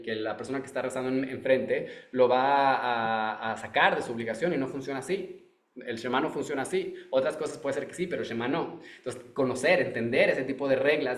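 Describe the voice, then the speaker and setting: A man's voice: mid-range voice, echoey room. A man teaching a masterclass on prayer, often restarting and repeating phrases as he explains. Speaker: Torah teacher. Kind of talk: online masterclass lecture.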